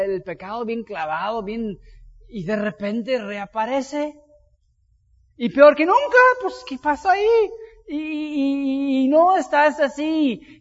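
A man preaching a sermon as pastor, telling anecdotes in an animated way. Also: very high voice. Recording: dull lo-fi sound with long hall reverb.

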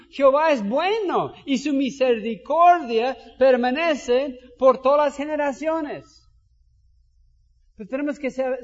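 A man preaching a sermon as pastor, animated and shouting for emphasis. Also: very high voice. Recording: dull sound with long hall reverb.

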